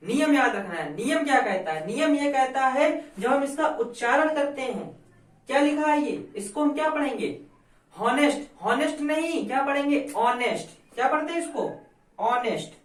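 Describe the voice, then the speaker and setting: A woman teaching a grammar lesson, asking questions and answering them herself and repeating the key points. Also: high voice. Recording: echoey room, voice from far off.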